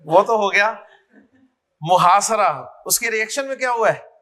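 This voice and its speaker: A man teaching a grammar class, talking slowly and drawing out words as he calls on students by name. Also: high-pitched, lively intonation, pushed and bright. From Pakistan.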